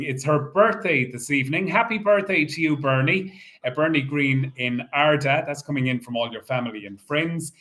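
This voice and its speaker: A man with an Irish accent hosting as a bingo caller, announcing in a measured, formulaic way. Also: medium pitch, fairly bright tone. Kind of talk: bingo calling, numbers digit by digit.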